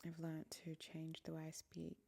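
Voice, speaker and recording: Low, gravelly-voiced young African woman. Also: completely flat delivery, moderate pace, a little mellow. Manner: candid and reflective, often dropping to a near whisper. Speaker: podcast host. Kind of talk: casual solo podcast monologue. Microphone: podcast microphone.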